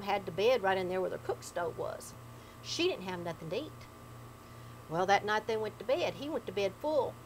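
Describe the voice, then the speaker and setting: A woman's voice: medium pitch, a little mellow, slight background noise, poor audio. A woman with an Appalachian accent telling folk tales in dialect, in a folksy, dramatic way. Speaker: storyteller. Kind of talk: oral folk storytelling in dialect.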